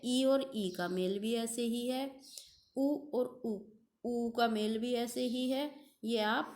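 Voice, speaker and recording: A woman teacher giving a recorded grammar lesson, drawing out examples and repeating key terms. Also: medium pitch.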